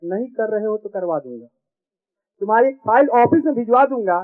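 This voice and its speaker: A man's voice: high-pitched, lively intonation, a little fast. A man voicing a nosy male CCTV camera that scolds in sing-song rhymes and repeats each warning twice, on a tinny recording. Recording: tinny phone-like sound.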